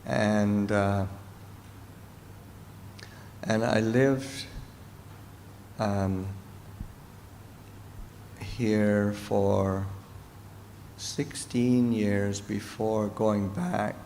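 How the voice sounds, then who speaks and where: A middle-aged monk raised in Canada, a Buddhist teacher, answers questions during a Dharma talk Q&A. His lowish male voice is fairly even and a little mellow, and he speaks slowly and thoughtfully with frequent pauses. The hall is reverberant, with faint noise in the background.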